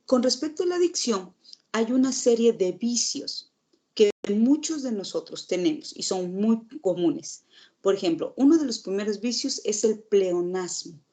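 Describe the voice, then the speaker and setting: Mellow-voiced woman teacher explaining. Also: mid-range voice, expressive, unhurried. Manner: explanatory, asks the class rhetorical questions. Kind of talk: recorded online lecture.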